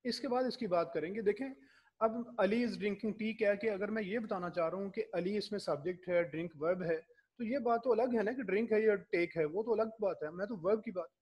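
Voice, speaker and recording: A man's voice: high-pitched, slightly rough, muffled recording. A man lecturing to a class, mixing English terms into his talk and asking rhetorical questions.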